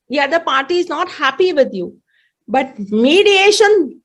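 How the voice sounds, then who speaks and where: A woman with an Indian accent giving an online training lecture as a mediator, explaining deliberately with repeated phrases, her throat a little choked. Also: sits high, a bit bright.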